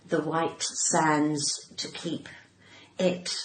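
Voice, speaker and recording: An older woman with a cut-glass, well-spoken English accent shares candid anecdotes as a podcast guest; she's a comedian and actor who dramatically acts out what people said. Her voice sits low with little pitch movement and a very slow pace, in a roomy echo with faint background noise.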